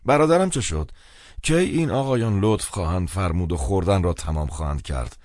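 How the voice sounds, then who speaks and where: A man voicing a blunt, weary adult male clown with short flat replies, in a dry studio narration. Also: low-pitched, dry recording, pitched above the performer's own voice.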